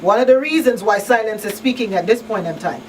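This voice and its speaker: Her mid-range voice runs a little fast and sounds a little mellow as she hosts her radio talk show, where she also serves as a crisis counselor. Conversational yet emphatic, she hammers points home through repetition. The radio room is noisy, and the mic sits slightly distant.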